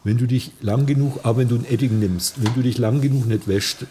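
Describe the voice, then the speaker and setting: A man's voice: mid-range voice, a little fast, warm tone, slight background noise. A man in casual conversation as a podcast co-host, rambling and joking between asides. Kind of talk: casual chat.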